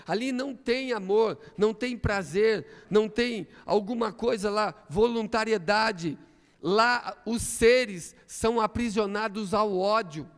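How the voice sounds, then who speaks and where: High, gravelly-voiced male preacher, emphatic and rising to shouts, in an echoey church. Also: slow. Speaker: pastor. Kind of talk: sermon.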